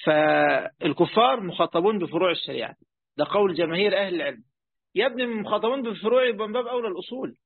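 A man with an Egyptian Arabic accent teaches a classroom lesson explaining Quran commentary, chatting with many fillers and quizzing his students. His voice is high-pitched, gravelly and very fast, on a dry, phone-quality recording.

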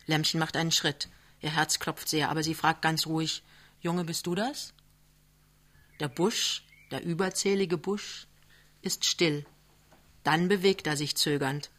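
A woman reading a novel aloud at a live soirée, slow, hushed and measured. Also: sits low, fairly even intonation. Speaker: audiobook reader. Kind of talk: literary reading.

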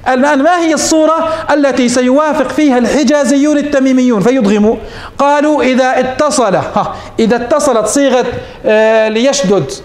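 A man's voice: very high voice, reverberant. A man teaching morphology as a sheikh, posing questions to his students and answering them himself. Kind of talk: classroom lesson.

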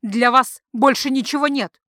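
A woman's voice: high-pitched, big pitch swings, moderate pace, fairly bright tone, no echo, studio quality, voice pushed up. A woman reading a mad blind priestess in an audiobook, a flirtatious, erratic woman who swings between coy teasing and shrieked prophecy. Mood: shrieking prophecy.

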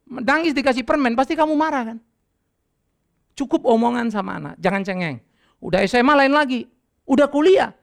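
Male pastor, middle-aged, sermon, animated pitch, gravelly voice, conversational preaching. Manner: lively preaching with quoted dialogue and laughter. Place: church.

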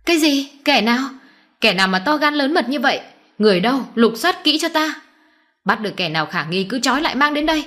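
A middle-aged lord of a great household, frantic and forceful, snaps out orders to search the estate, as a woman narrator puts him on. Her voice climbs well above its usual pitch. It is an audio storybook reading. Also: animated, fast. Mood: alarmed, commanding. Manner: barking orders, anguished cries. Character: commanding middle-aged lord of the manor, grieving and angry.

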